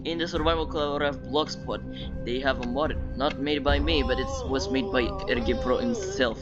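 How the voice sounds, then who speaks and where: Speaking at normal speed and medium pitch, a man from Russia gives relaxed, rambling commentary on a game for his YouTube review channel, repeating himself often in his Russian accent. The recording is lo-fi and dull, with music in the background.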